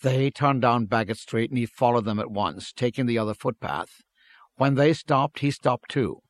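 Brief: male narrator for a story reading, measured and steady, middle pitch, dry close recording. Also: no echo.

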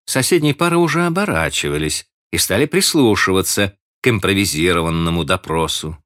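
A man narrating a novel in a measured, expressive reading. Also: sits low. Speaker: audiobook narrator.

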